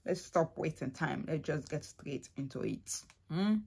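Slow, low-voiced emotional woman vlogger. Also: vocal fry, husky. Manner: repetitive, emotional, soft-spoken. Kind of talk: casual chat to camera.

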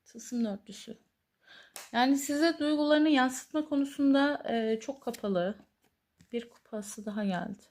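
A woman giving a tarot reading to her viewers, earnest, pausing often with drawn-out fillers. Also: high-pitched. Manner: hesitant, many drawn-out fillers, soft and earnest. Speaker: tarot reader.

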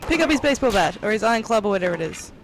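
A young woman calls out instructions to a friend playing a game, getting loud and excited as she coaches. Her voice sits in the middle of a woman's range. A heavy wash of background noise runs under the recording. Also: medium pitch, very fast. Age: young adult. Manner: excitable, shouts button instructions. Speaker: co-host coaching the player. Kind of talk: casual gaming chat.

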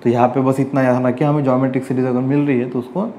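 A man's voice: medium pitch, flat delivery, rapid-fire, dark tone, slight background noise. A man teaching a maths lesson step by step, often asking rhetorical questions as he works through each line. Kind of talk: chalkboard maths lecture.

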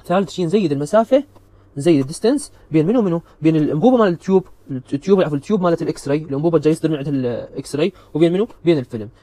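A man's voice: a little high, expressive, rapid-fire, mellow, no room sound. A man giving a recorded physics lecture, explaining step by step and checking understanding with repeated questions.

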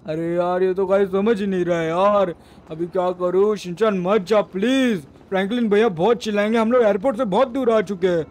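A man's voice: sits high, brisk, darkish tone, lightly acted. A man voicing a timid, whiny talking dog in a game role-play. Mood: scared. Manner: fearful, whiny.

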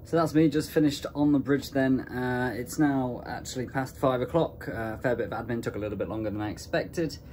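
A man's voice: medium pitch, fairly quick, few pauses, a little hiss or hum. Young man vlogging aboard a ship. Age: young adult. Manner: relaxed, explanatory, conversational. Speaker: cruise ship deck officer vlogging his day. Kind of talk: casual vlog narration. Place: indoors on a ship, offices and mess rooms. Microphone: phone held at arm's length.

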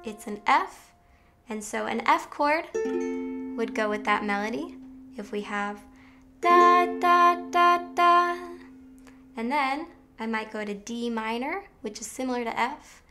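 A woman's voice: on the high side, normal speed, loud music behind the voice. A young woman teaching songwriting in an upbeat, explanatory way, now and then singing short demonstration phrases. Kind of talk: online songwriting lesson.

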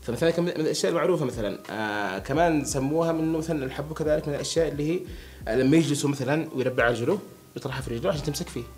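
Rapid-talking young man. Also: fairly high pitch, darkish tone. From Hadhramaut, Yemen. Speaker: conversation partner asking questions. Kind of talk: casual chat between friends.

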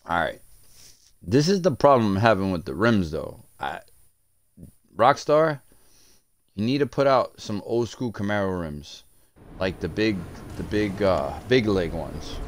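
A man casually commenting on his game as a streamer, thinking aloud in relaxed slang and often repeating phrases. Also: on the low side, unhurried, pauses often.

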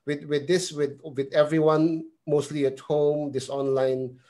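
A man's voice: fairly high pitch, little pitch movement, unhurried, dark tone. A man hosting an online interview from his home studio, speaking hesitantly with many fillers. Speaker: host. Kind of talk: casual video call interview.

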